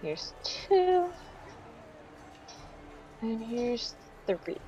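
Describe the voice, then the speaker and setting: A woman's voice: fairly high pitch, very animated, extremely slow, warm tone, soft background music. A woman playing a tabletop game, talking casually and a little unsure of herself. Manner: hesitant, unsure. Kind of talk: casual chat. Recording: dull lo-fi sound.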